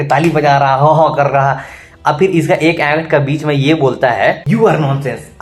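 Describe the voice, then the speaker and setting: A young man telling a school story in a chatty, animated way, full of asides to his listener. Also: fairly high pitch. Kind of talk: casual storytime vlog.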